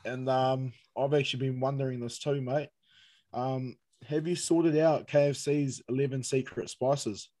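A man's voice: medium pitch, fairly even intonation, a little slow, a little mellow. A young man of seventeen with a New Zealand accent, asking questions in a casual, chatty interview style.

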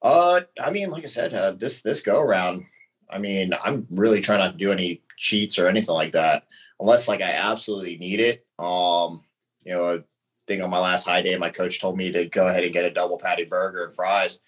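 A man in his thirties with a very low voice, talking in an easygoing, unhurried way. He is a podcast guest who chats casually and slips in short laughs between thoughts. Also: poor audio. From United States. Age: 30s. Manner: relaxed, laughs between answers. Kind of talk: casual conversation.

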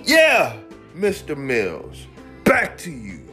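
A man plays the host of his own pretend radio show, ranting in an excitable, repetitive way and filling every pause with "like." His voice sits a little higher than most men's. Quiet music plays underneath. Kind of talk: mock talk-radio rant.

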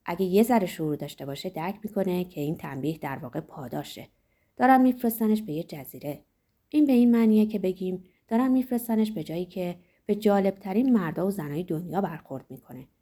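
A measured, ironic older man in authority lectures the young, voiced by a woman reading a novel aloud. The voice sits lower than her narration and stays husky and warm, with lively rises and falls as he explains. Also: natural voice. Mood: reflective. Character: stern older male world controller, ironic.

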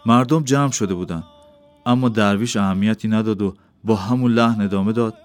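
A man reading an audiobook as a first-person narrator, measured and unhurried. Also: fairly low pitch. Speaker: audiobook reader. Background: faint background music.

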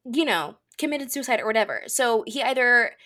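A woman's voice: fairly high pitch, animated, a little fast, sharp tone. A woman in her twenties co-hosting a podcast in casual chat, reading out news with sarcastic asides. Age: 20s. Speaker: podcast co-host.

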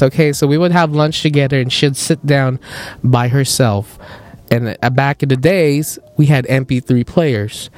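A young man hosting a podcast, casually telling animated stories, laughing often and mimicking other people's voices. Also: medium pitch. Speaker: podcast host. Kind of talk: casual storytelling chat.

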